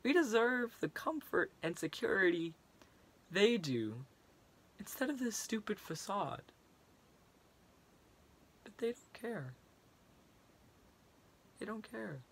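A young man performing a monologue as a disillusioned teenage high school boy, ranting with halting, emphatic repetition. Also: very animated, creaky, a bit bright, husky, exaggerated voice. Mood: defeated, pleading. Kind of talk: dramatic monologue.

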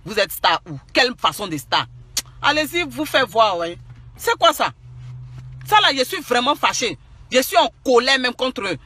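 A man's voice: very high voice, big pitch swings, moderate pace, bright, forceful tone. A man with an Ivorian French accent, scolding his online followers in an angry, repetitive, preachy rant. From Côte d'Ivoire. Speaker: social media commentator.

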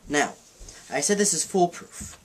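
Handling cards at a table in a dim room, a man gives a casual card-trick tutorial, wandering off track, correcting himself, and showing the moves as he talks. He's a magic teacher with a slightly high, animated voice and a somewhat slow delivery, with a little hiss or hum in the background.

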